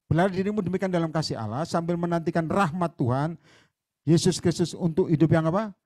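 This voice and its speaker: Talking fast, a visiting preacher in a church hall delivers an animated, conversational sermon. Loud outbursts alternate with low asides as he dramatizes exchanges with members of the congregation.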